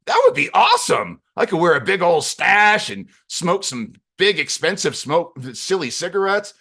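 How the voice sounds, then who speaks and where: A man voicing a silly, hapless male cartoon character who tries hard, excitable and loud. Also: mid-range voice, slow, breathy edge, full character voice. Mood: giddy.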